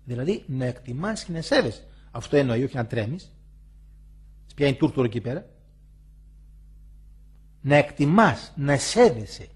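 An older man, a monastic elder, giving a spoken sermon full of rhetorical questions and emphatic repetition, with a husky voice. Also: mid-range voice, very animated, long pauses.

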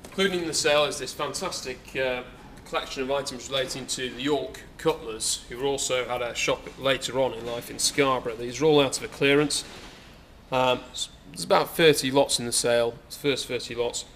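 A young English auctioneer gives an informal walkaround preview of his sale in a large indoor saleroom, captured on a camera mic. He is chatty but hesitant, full of fillers, and his medium-pitched, fairly even, slightly bright voice is a little fast, with a touch of hiss or hum.

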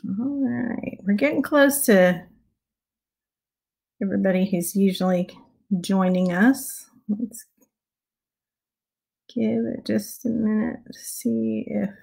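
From her home study with bookshelves, a middle-aged woman with a Texan accent casually welcomes her prayer livestream viewers, speaking slowly at medium pitch with long pauses. Short on sleep, her voice is raspy; she clears her throat often and chuckles softly, staying relaxed. A clip-on lapel mic and webcam capture her.

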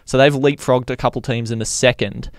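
Australian male sports co-host, conversational, clear tone, very little room sound. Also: medium pitch, steady tone, fairly quick, no room sound, clean studio sound. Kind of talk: casual sports chat and match recap.

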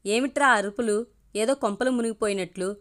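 A woman voicing a proud, hot-tempered middle-aged village patriarch who shouts commands. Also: a little high, fairly quick, lightly acted. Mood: stern.

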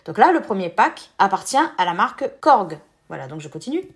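A woman's voice: mid-range voice, big pitch swings, brisk. A woman hosting an app tutorial, explaining each step casually with filler words.

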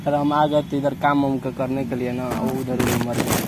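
Whiny pleading man for a street prank, loud traffic noise behind. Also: medium pitch, little pitch movement, normal speed. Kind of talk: street prank, acting sad.

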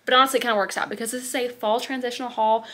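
Talking very fast with a bright, forceful, rather high voice and fairly even intonation, this American woman in her twenties sounds a bit congested and nasal. She gushes emphatically through a casual clothing haul in her bedroom, saying "like" often, with a handheld compact camera held at arm's length.

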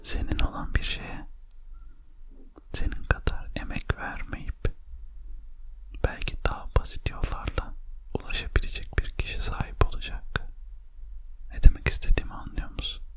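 Male ASMR host, thirties, quiet late-night delivery, fully whispered and breathy, slow soothing bedtime encouragement addressed to one listener. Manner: quiet, as if at night before sleep. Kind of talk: ASMR motivational talk. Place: small lamp-lit room at home.

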